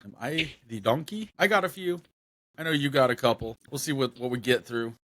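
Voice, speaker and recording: A man's voice: mid-range voice, fairly quick, a bit bright, a little hiss or hum. A man co-hosting a podcast, chatting casually with a friend, laughing and swearing freely. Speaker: podcast co-host.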